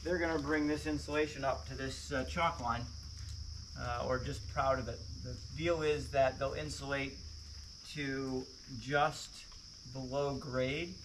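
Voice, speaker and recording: A man's voice: mid-range voice, fairly even intonation, a little slow, noisy background. Chatty man touring his basement. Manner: chatty, plainspoken, with frequent "uh" fillers. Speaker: woodworking channel host. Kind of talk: casual walkthrough vlog. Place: basement under a lifted house.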